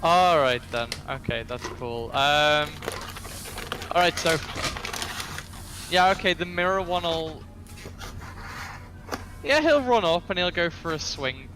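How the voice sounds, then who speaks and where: A man's voice: a little high, animated, slow, pauses often, noisy background. A man playing a tabletop game, talking in a hesitant, stumbling way. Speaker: player. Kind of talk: casual tabletop play.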